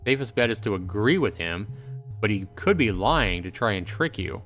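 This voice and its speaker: Lively in intonation and normal in speed, this lowish, fairly bright male voice plays over faint music. The streamer thinks aloud while playing a visual novel live, repeating himself and chatting casually with his viewers.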